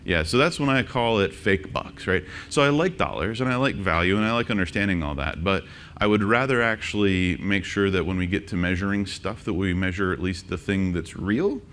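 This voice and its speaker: A man presenting a conference workshop, joking and quizzing the audience with quick questions. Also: low-pitched, fairly bright tone, slight background noise. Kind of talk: interactive conference talk. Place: conference session room.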